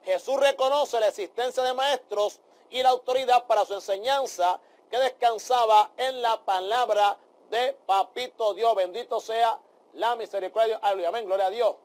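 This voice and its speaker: A man leads a Bible study in a fervent preaching style. His voice sits very high for a man, and he keeps calling out amén and aleluya to his listeners. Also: normal speed, a little mellow. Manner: addresses listeners as brothers.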